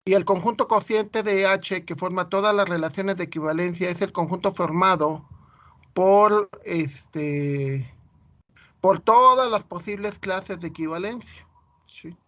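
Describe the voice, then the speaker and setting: A man's voice: high voice, measured pace, a bit bright, muffled recording. A Mexican man with a Mexican Spanish accent giving an informal math lecture, chatty and full of anecdotes. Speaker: teacher.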